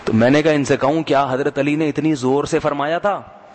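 A man's voice: on the high side, steady tone, fairly quick. Male preacher in a reverberant hall. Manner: conversational, keeps asking the audience to respond; tells humorous anecdotes. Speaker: religious preacher. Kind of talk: sermon.

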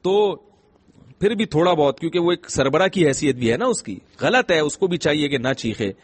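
Speaking with a fairly high voice and lively intonation, a middle-aged Islamic scholar gives a relaxed religious talk with no room sound. He tells stories gently and humorously, peppering them with rhetorical questions.

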